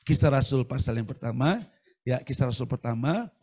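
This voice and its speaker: A man preaching a sermon over a video call, telling stories in an animated, chatty way. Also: mid-range voice, normal speed, breathy edge, soft background music. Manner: animated, chatty storytelling with laughs. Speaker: pastor. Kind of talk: storytelling sermon.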